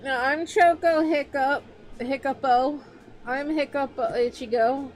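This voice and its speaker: A young woman streaming as a VTuber, rambling playfully and chasing excited little tangents in casual chat. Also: sits high, takes it slowly, slight background noise.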